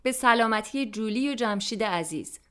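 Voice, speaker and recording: A woman's voice: on the high side, lively intonation, a bit bright, clean tone. A woman voicing Tom, a polite, appreciative male dinner guest, in a scripted language-lesson dialogue. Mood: pleased. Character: friendly adult man, a dinner guest.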